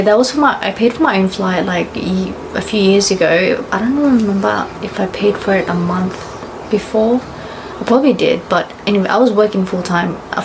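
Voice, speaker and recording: A young woman from Fiji talks to camera in a loose, casual vlog. She wanders through her points with plenty of "uh" and "like", often correcting herself mid-sentence, at a mid-range pitch. A steady hiss of background noise sits under her voice. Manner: rambling, full of fillers and self-corrections. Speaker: travel vlogger.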